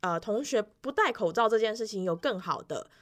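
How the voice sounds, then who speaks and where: A woman's voice: medium pitch, lively intonation, fairly quick, a bit bright. A young woman in her twenties, a music teacher, telling stories about her class in a casual, chatty weekly monologue full of fillers and restarts. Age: 20s. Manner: acts out children's voices in quoted lines.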